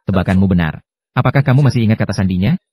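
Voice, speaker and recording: A man reading out translated drama dialogue as a recap voice-over, with a stiff, even delivery for every part. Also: fairly low pitch, racing, slightly rough, no echo, muffled recording.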